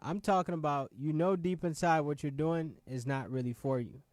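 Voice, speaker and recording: On his own show, a man in his late twenties, originally from Ghana, speaks on the high side with a darkish tone and moderate pace. His motivational message leans on insistent rhetorical questions and frequent "right?" interjections. The recording has no room sound.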